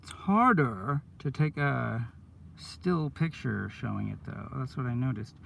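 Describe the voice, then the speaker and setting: A man chatting casually on a live stream in his van, rambling and excitable, full of "dude" and "oh my God", sounding stoned. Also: medium pitch, measured pace, creaky, far from the mic, a little hiss or hum. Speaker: coin roll hunter streaming live.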